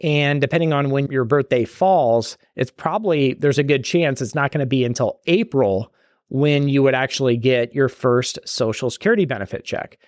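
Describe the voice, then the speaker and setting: Speaking at a normal speed in a mid-range voice, a man hosts a solo podcast where he explains listener questions about retirement benefits. He is a retirement planner, chatty in manner, frequently restarting sentences and adding asides. The studio-quality recording has no echo.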